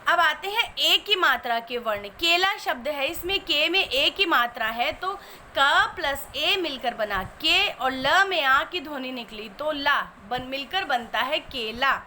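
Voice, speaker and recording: High, bright woman teaching slowly. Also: lively intonation, slight background noise. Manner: patient, breaks words into sounds step by step. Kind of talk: Hindi spelling lesson.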